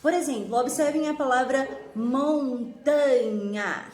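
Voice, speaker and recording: A woman with a high voice walks her students through a review lesson. She is clear and didactic and slows down to stress each example word. The room gives her voice a noticeable echo. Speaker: teacher.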